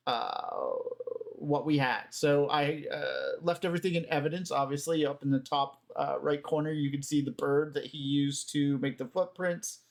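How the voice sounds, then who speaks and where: A man giving casual behind-the-scenes commentary about props, halting with fillers. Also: on the high side. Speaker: prop master commentator.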